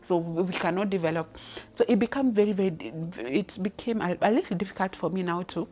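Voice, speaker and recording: She is a Kenyan leadership speaker in her thirties, recounting her career in an improvised personal story with many restarts and fillers. Her voice is lowish and darkish, and she speaks quickly.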